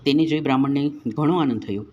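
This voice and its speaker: Guy reading a religious folk story, calm and steady, mid voice, faint hiss behind. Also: medium pitch, fast talker, lo-fi sound. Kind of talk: devotional folk tale narration.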